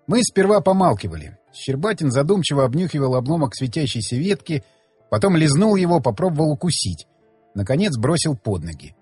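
A man narrating an audiobook in the first person with expressive, swinging emphasis. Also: a little high, brisk, husky, no room sound, faint music behind.

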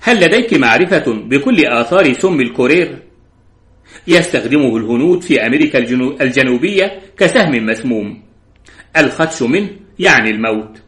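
A man voicing a composed detective who speaks calmly and courteously, in a measured way. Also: mid-range voice, lightly acted. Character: calm, composed elderly male detective. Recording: roomy echo.

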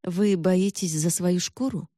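A man reads a fantasy audiobook in the voice of a defiant young noblewoman who fires sharp, accusing questions at an old ally. The voice is high-pitched yet dark and mellow, at a normal speed. It is recorded close and dry, with no room sound.

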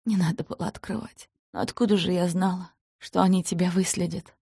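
A woman's voice: lowish voice, fairly even intonation, brisk, creaky, mellow, husky, no room sound, studio quality. A woman voicing a startled, timid young woman in an audiobook. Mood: quiet sorry. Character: startled young woman, frightened then meek.

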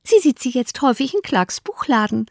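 A giddy young girl , as a woman narrator puts her on, bursts out in a high, bright voice that sits well above the reader's own. She talks breathlessly and eagerly, in a dry, close audiobook sound. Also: very animated, fairly quick, gravelly, no room sound, heavily acted. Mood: eager gossip. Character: excitable, flighty young girl, Lydia.

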